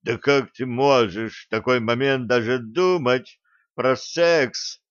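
A man's voice: medium pitch, unhurried, a bit bright, dry recording, natural voice. A jumpy young soldier, read by a male narrator, speaking in a plaintive, uneasy way. The audiobook sound is dry and a little dull. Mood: anxious. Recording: dry, slightly dull recording.

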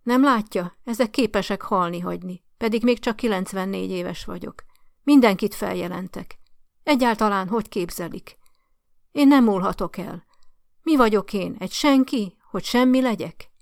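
A furious old woman of ninety-four, put on by a woman reading a storybook, gasps for air between demands and scolds loudly. Her voice is gravelly and rough, and it sounds close and dry. She wants help and she wants it now. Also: medium pitch, no room sound, lightly acted. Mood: indignant, demanding. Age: older. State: out of breath. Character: dying, indignant 94-year-old woman.

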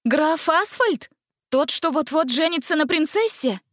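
A woman's voice: high voice, expressive, a little slow, no room sound, studio quality, pitched above the performer's own voice. A woman doing a stern, bossy young investigator. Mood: urgent. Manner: sharp, commanding.

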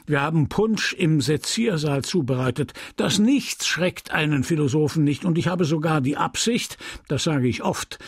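A man's voice: a little high, slightly rough, no echo, clean studio sound. A man reading as a pompous boastful apothecary. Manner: pompous, lecturing. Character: boastful know-it-all male apothecary, middle-aged.

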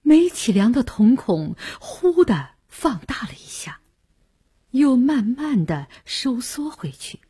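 A woman narrating a radio story as a storyteller, with a breathy, husky voice and an expressive, animated reading. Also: sits high, slow.

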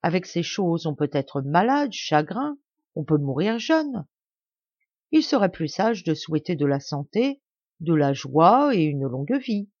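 A woman's voice: on the low side, big pitch swings, a little slow, a little mellow, dry recording. Woman doing a cranky peasant husband in a storybook, insistent, dry dull sound. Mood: reasoning. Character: exasperated poor peasant husband, hasty. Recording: dry, slightly dull home recording.

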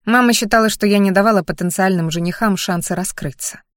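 A woman's voice: lowish voice, steady tone, brisk, no echo, clean studio sound. Woman narrating a first-person novel. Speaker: audiobook narrator.

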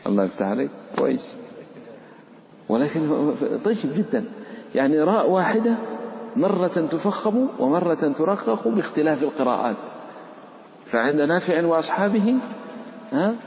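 A man's voice: moderate pace, vocal fry, pauses often, a little hiss or hum. A man teaching Quran recitation rules to a live class. He explains each rule, chants the verses he gives as examples, and quizzes and teases his students. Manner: lively, questions and teases the students. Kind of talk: live tajweed lesson. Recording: echoey hall, dull low-fi sound.

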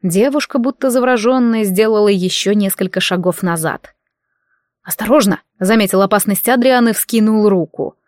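A woman narrating a fantasy novel in an even, measured storytelling voice. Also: mid-range voice, dry recording, clean studio sound. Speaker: audiobook reader.

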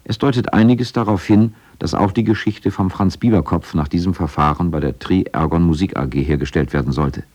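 In a low, warm voice, a male documentary narrator reads a scripted radio feature. His delivery is measured and factual, and his timbre is relaxed and dark.

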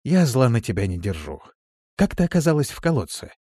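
A man's voice: medium pitch, very animated, fairly quick, dark tone, no room sound, studio quality. A man reading an audiobook, voicing a guarded, hesitant male elf who speaks in a conciliatory way. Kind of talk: audiobook character voice.

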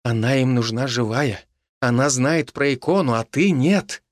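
A man voicing a grim, determined young man who barks orders, then speaks quietly and firmly. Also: mid-range voice, measured pace, dry recording, studio quality, lightly acted. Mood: commanding.

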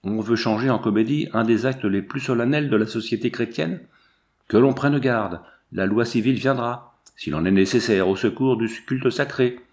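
A man's voice: medium pitch, lively intonation, moderate pace, darkish tone, lightly acted. A man voicing a stern, indignant village priest. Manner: scolding, solemn rebuke.

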